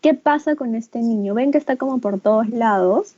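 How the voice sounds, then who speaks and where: A woman's voice: fairly high pitch, moderate pace, dark tone, no room sound, highs cut off. A woman with a Peruvian Spanish accent giving an online teacher training lecture. She explains patiently, often adds "¿no?" and acts out caregiver phrases in a livelier voice. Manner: explanatory, with frequent "¿no?" tag questions. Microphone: video call.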